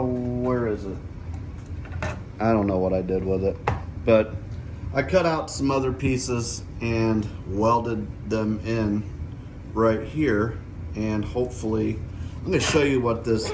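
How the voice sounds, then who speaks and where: Against a noisy background, a middle-aged man with a lowish voice explains a practical project one step at a time, frequently pausing to ask "okay?" He comes across as a relaxed DIY vlogger.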